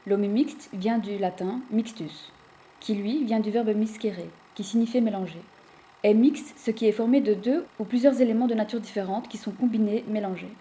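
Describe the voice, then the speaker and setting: A woman giving measured, explanatory scripted narration. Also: medium pitch, dark tone, slight background noise.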